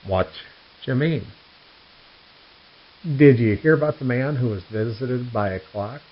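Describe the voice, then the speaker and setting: A man with a mid-pitched voice tells dad jokes, reading each one out as a setup and punchline. He presents them like a host reading a list of puns. The sound is somewhat dull and lo-fi. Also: fairly quick. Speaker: host of a joke newsletter read aloud.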